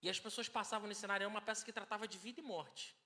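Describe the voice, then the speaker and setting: Brazilian guy preaching, high bright voice, goes quiet then loud, big hall echo. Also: fairly even intonation, rapid-fire. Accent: Brazilian Portuguese. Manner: emphatic, swings from hushed storytelling to loud exhortation. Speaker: pastor. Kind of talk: sermon with personal testimony. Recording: long hall reverb.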